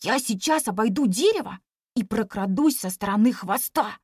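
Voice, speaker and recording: A woman voicing an excitable, boastful monkey boy in a storybook reading, often whispering eagerly. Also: medium pitch, moderate pace, husky, dry recording, studio quality.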